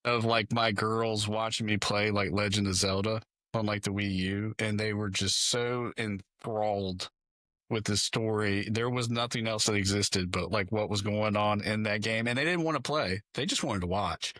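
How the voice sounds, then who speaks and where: Podcast host guy, kinda low but bright voice, dry close mic, laid-back. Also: fairly even intonation, moderate pace, no room sound. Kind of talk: casual chat.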